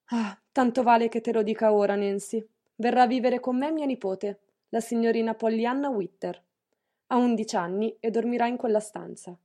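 A woman's voice: fairly high pitch, fairly even intonation, moderate pace, warm tone, natural voice. A woman reading an audiobook, voicing a stern, wealthy middle-aged mistress who speaks curtly and severely. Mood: commanding. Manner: curt, severe, clipped.

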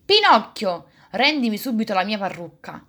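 A woman's voice: medium pitch, sing-song, moderate pace, bright, forceful tone. A woman voicing a poor, fretful old male woodcarver in a storybook reading, speaking in a grumbling, scolding way. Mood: stern.

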